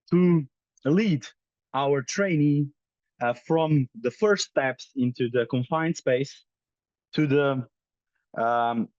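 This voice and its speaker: A man's voice: mid-range voice, no echo, muffled recording. A young man from Slovenia giving a conference presentation as head of a ski demo team, hesitant with many fillers. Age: young adult.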